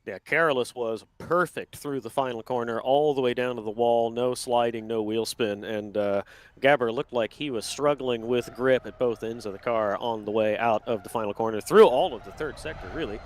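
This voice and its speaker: A man calling laps as a sim racing commentator, giving steady play-by-play and often correcting himself. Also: medium pitch, moderate pace.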